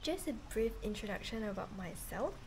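A woman's voice: medium pitch, expressive, a little fast, loud music behind the voice, rough recording. A woman in her thirties from Singapore, chatting earnestly to a camera held at arm's length on a house porch, with many fillers. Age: 30s. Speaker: vlogger, medical student. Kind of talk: casual talking-to-camera vlog.

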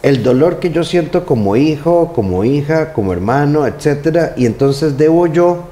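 A man's voice: a little high, lively intonation, normal speed, mellow, echoey room. A man hosting an interview who asks long, winding questions full of hesitations. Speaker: host.

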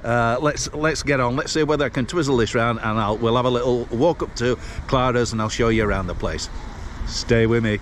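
Out on a seafront street, a man in his sixties with a Northern English accent vlogs on a handheld camera mid-walk, chatting in a loose, homely manner. His medium-pitched voice runs a little fast over slight background noise.

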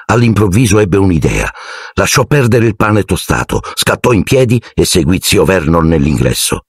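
A man reading an audiobook in a theatrical, expressive scripted narration. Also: sits low, husky, dry recording, clean studio sound.

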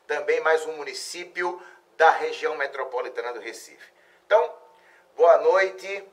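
A man's voice: a little high, normal speed, far from the mic. A man, a geography teacher hosting an exam-prep live stream, chatty and effusive as he greets viewers. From Salvador, Bahia, Brazil. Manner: chatty, effusive, lively exclamations. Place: plain bright indoor studio.

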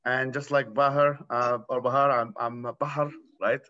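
A man in his thirties from Iraq speaking as a panelist on a video call, earnest and halting with restarts. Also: medium pitch, little pitch movement, pushed and bright. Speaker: panelist, nonprofit founder. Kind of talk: conference panel talk. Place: room at home. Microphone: laptop webcam on video call. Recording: dull lo-fi video call audio.

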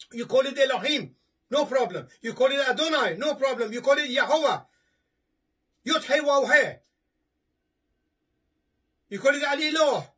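An imam with a husky, high voice and a fairly bright tone preaches a Friday sermon in an indoor study lined with bookshelves. Earnest and repetitive, he restarts often and gestures while reading from papers, recorded by a camera a few steps in front.

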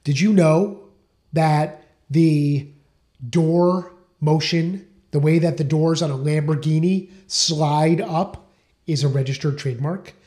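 A middle-aged man presenting a scripted lesson on trademarks, measured and explanatory, reading out registration numbers. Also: a little high, steady tone, dark tone. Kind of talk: scripted educational talk.

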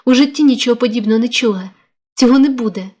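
A woman's voice: a little high, fast, darkish tone, natural voice. A woman reading a novel aloud, voicing a flustered young widow who protests and exclaims. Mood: agitated. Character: flustered young widow, resisting yet drawn in.

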